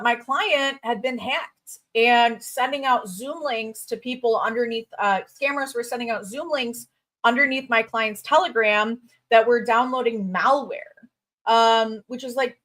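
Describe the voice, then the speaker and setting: Reading viewer comments during a relaxed livestream, a crypto recruiter in her thirties speaks with a Chicago accent. Her tone is fairly bright and sits on the high side, and her bubbly chatter is full of quick asides and fillers.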